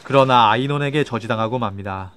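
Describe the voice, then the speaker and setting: A man's voice: mid-range voice, brisk, background noise. A man reading a scripted film recap as a voice-over narrator. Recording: loud film music behind voice-over. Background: film score.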